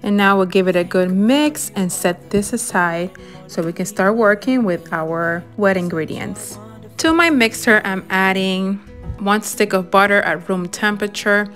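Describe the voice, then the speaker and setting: A woman narrating her home decorating and baking in a gentle, enthusiastic voice-over, walking through each step. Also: medium pitch, measured pace, soft background music. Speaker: home and cooking vlogger.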